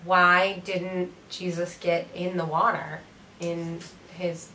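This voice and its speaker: Wry young woman, lowish voice. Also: level tone, takes it slowly, pushed and bright, slight background noise. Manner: wry, joking, easygoing. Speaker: co-host reviewing theater. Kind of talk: casual chat. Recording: roomy room sound from a distant mic.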